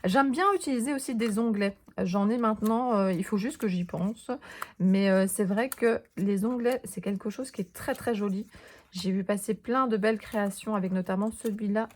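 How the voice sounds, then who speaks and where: A woman's voice: medium pitch, moderate pace, a little hiss or hum. A woman vlogger chatting enthusiastically through a scrapbooking haul, with lots of fillers and small restarts. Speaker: crafting vlogger. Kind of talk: casual show-and-tell haul video.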